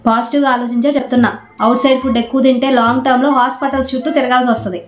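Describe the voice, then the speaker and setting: A woman's voice: a little high, steady tone, very fast. A middle-aged woman plays a mother in a scripted family skit, scolding and lecturing at length. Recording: roomy, dull home recording with music underneath.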